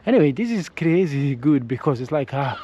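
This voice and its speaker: Very animated and fairly quick, this man's fairly high, mellow voice comes through lo-fi audio with slight background noise. He speaks English as a non-native speaker with an Italian accent, vlogging casually while walking outside, hesitant and full of restarts and self-corrections. An action camera with a windscreen records him.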